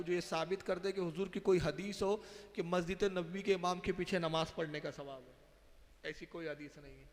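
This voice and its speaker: Man scholar preaching hard, stressing points, high voice, lots of reverb. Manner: emphatic, rising to stressed points and answering audience questions. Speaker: Islamic scholar. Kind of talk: religious lecture.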